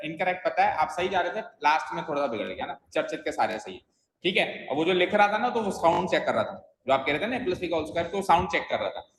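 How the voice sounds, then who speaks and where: A man's voice: high voice, fairly bright tone, slight background noise. A man teaching an English grammar class, quizzing students by name and coaxing them to listen closely. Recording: echoey roomy sound.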